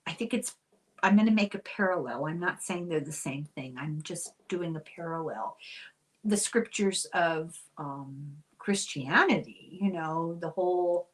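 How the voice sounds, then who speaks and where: A woman's voice: fairly low pitch, rough recording. Older irish lady chatting away, wry little asides, wanders off topic. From Ireland. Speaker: host. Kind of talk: casual explainer monologue.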